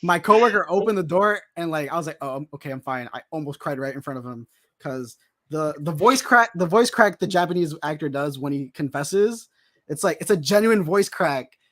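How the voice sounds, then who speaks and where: A man chatting casually as a podcast guest, excitable and rambling, with many restarts. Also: on the high side, normal speed. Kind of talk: casual chat.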